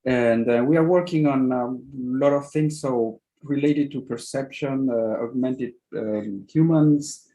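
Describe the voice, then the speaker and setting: A man with a mid-pitched, mellow voice introduces himself as an associate professor and media artist. His manner is wry and casual, and he is heard over a video call. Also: slow pace, poor audio. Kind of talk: online panel self-introduction.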